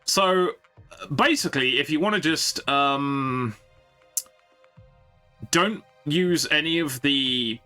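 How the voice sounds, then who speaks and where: A man's voice: on the high side, slow pace, pauses often, pushed and bright, clean tone, faint music behind. A man chatting casually on a game live stream, rambling and thinking aloud to his viewers.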